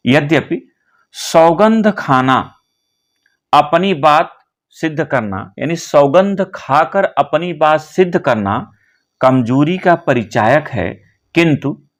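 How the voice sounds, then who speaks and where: A man teaching a poem line by line, slowly glossing word meanings one by one. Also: on the high side. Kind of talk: line-by-line poem explanation lesson.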